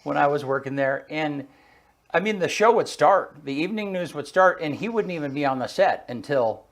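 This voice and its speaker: A man's voice: on the high side, lively intonation, normal speed. A male talk show host chatting casually with his guest, laughing easily and adding his own stories. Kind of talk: casual interview chat.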